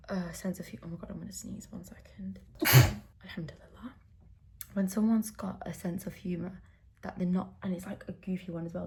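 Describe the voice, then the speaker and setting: A woman's voice: lowish voice, dark tone, a little hiss or hum. A young woman chatting candidly while getting ready, rambling with lots of fillers. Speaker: beauty vlogger. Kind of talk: casual chat while doing makeup. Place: indoors at home, getting ready.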